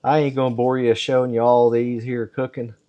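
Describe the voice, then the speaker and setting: A man's voice: medium pitch, level tone, a little fast, muffled recording. Folksy man cooking supper. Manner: folksy, homespun, down-to-earth. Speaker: home cook host. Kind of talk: casual cooking video talk. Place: home kitchen.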